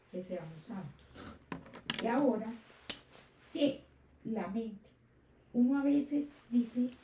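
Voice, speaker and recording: A woman's voice: medium pitch, dark tone, a little hiss or hum. A woman preaching a sermon, often asking her listeners rhetorical questions and checking they follow. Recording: echoey room, distant mic.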